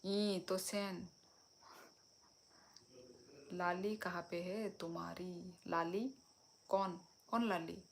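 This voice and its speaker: A woman's voice: on the low side, steady tone, extremely slow, creaky, long pauses, a little hiss or hum. A young woman from Tripura hosting a casual live stream, chatting with viewers and answering their comments.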